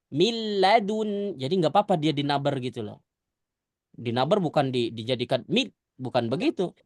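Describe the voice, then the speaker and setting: A man teaching Quran recitation rules, modelling verses slowly and correcting his students. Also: a little high, a little mellow, no echo, studio quality. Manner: corrective, demonstrates recitation slowly then explains quickly. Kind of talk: recitation lesson.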